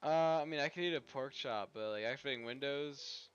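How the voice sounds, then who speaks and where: A man live-streaming a game, talking to his chat in a rambling, profane, excitable way. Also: mid-range voice, fairly quick, smooth, lo-fi sound.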